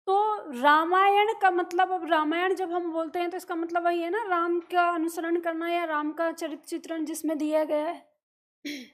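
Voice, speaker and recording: A woman teaching a grammar lesson, explaining patiently, asking the class questions and answering them herself, repeating sounds slowly to show them. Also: extremely high pitch.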